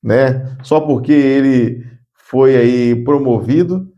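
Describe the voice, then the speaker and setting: A man's voice: medium pitch, steady tone, slow, mellow, highs cut off. A man giving an earnest spoken lesson on workplace communication, often repeating words as he thinks. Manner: acts out curt bossy phrases as examples.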